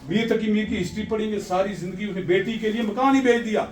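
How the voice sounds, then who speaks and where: A man telling stories about poets and Sufis in an animated way, asking rhetorical questions and quoting elders in a softer voice. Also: high-pitched, fast, far from the mic. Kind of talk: storytelling talk. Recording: echoey and set back from the mic.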